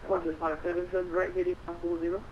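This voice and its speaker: Higher-pitched man giving air traffic instructions. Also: little pitch movement, fast talker. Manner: procedural, digit-by-digit phrasing. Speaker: air traffic controller in a flight simulation. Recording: dull, lo-fi sound with faint noise.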